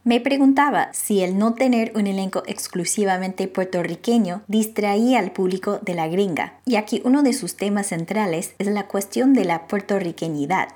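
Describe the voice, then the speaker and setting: A woman reporter delivering scripted narration for a radio feature. Her reading is measured and even. Her voice sits at a middling pitch for a woman.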